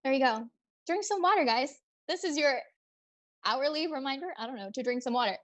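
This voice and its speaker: Young woman streaming from home, high voice, bubbly and chatty, reading out comments from the chat. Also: a little fast. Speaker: livestream host. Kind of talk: casual livestream chat.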